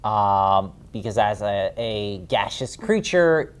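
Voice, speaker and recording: A man voicing a mysterious wealthy man who gives brisk, commanding orders. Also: fairly low pitch, expressive, clear, resonant tone. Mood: urgent.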